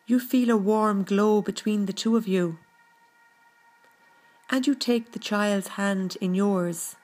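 A woman narrating a scripted guided meditation in a soothing, gentle, unhurried manner. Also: mid-range voice. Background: background music.

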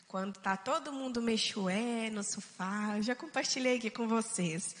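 A woman co-hosting a casual faith-based family talk, animated and acting out family members' voices. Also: a little high, normal speed, in a large hall. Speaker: co-host of a family talk show.

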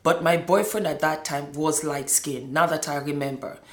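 A middle-aged woman of Nigerian and Scottish background, a former model, tells her life story as a personal testimony in a deep, fairly even voice at normal speed. She speaks emphatically, repeating words for stress, and the indoor room sounds roomy and echoing.

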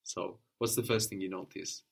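A man's voice: low voice, steady tone, normal speed, creaky, breathy edge. A man teaching a one-on-one language lesson, patiently prompting questions and repeating his student's answers.

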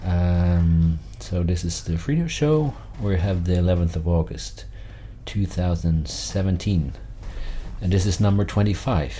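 A man hosts a casual podcast with a low, mellow voice. He rambles and pokes fun at his own lack of preparation. A light hiss runs underneath. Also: a little slow. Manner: rambling, self-deprecating. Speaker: podcast host.

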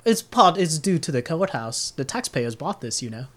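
A man's voice: a little high, sing-song, moderate pace, a bit bright. A man voicing a portly, polite male halfling clerk in a tabletop game. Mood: fussy. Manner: fussy, courteous.

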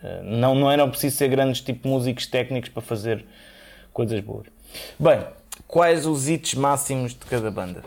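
A man's voice: medium pitch, normal speed, creaky, a little mellow. A man with a European Portuguese accent, co-hosting a podcast in casual, rambling chat with many fillers. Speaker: podcast co-host.

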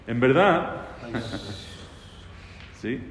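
A rabbi teaching a casual lesson on prayer law, talking conversationally, asking questions and quoting prayers aloud. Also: male voice, medium pitch, expressive, drawn-out words, a bit bright, slight background noise. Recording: echoey hall with faint ambience.

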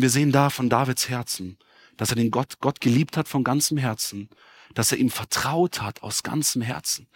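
A male pastor preaching to a congregation, swinging between soft storytelling and loud, emphatic appeals, with touches of humor. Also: medium pitch, no room sound. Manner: humorous, interrupts himself. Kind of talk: sermon. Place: church before a congregation.

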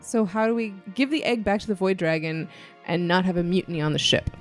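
A woman's voice: lowish voice, a little fast, over music. A woman chatting casually as a player on a tabletop role-playing podcast. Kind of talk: casual tabletop game chat.

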